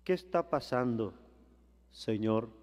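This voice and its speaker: A man preaching a sermon, addressing the congregation as brothers, with rhetorical questions and drawn-out phrases that swell louder at the peaks. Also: mid-range voice, expressive, long reverb tail. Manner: preaching with repeated calls of "hermano" and rhetorical questions.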